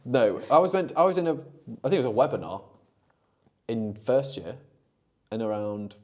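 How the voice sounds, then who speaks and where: A young man hosting a casual student podcast, his voice sitting at a middling pitch. He chats easily, laughs often, and lets his sentences drift quietly as he looks back. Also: animated, normal speed. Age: young adult. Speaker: podcast host. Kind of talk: casual chat.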